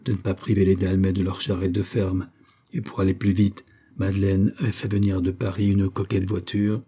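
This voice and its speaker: A male narrator reads a novel for an audiobook, measured yet expressive, keeping to the script steadily. His voice is low and dark with a husky grain.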